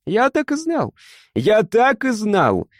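A man voicing an excitable young man who shouts and rushes his words in a feverish rush. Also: dry recording, clean studio sound. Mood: frantic. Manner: shouting, high-strung, rushing.

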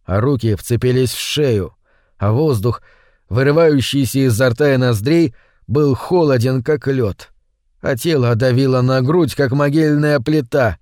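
A man's voice: medium pitch, a little slow, darkish tone, no echo, clean studio sound. Man reading a suspenseful horror story. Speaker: narrator. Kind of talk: scripted horror story narration.

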